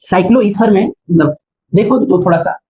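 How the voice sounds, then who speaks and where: A man's voice: high-pitched, moderate pace. A male chemistry teacher giving a classroom lecture, explaining step by step and often checking in with his students. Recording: dull lo-fi recording.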